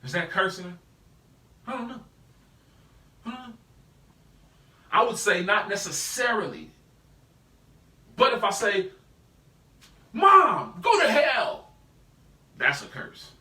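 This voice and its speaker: A man's voice: high-pitched, a little slow, long pauses, roomy sound, distant mic. A man teaching a live Bible study in a casual, slangy way, constantly asking "right?" to his listeners. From United States. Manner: animated, peppers talk with rhetorical "right?".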